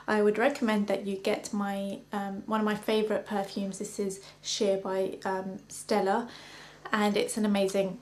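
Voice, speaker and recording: A woman's voice: medium pitch, little pitch movement, normal speed, a little mellow, slight background noise. London girl rambling thru beauty Q&A, lots of ums, casual chatty. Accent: London English. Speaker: beauty vlogger and makeup artist. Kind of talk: casual Q&A vlog.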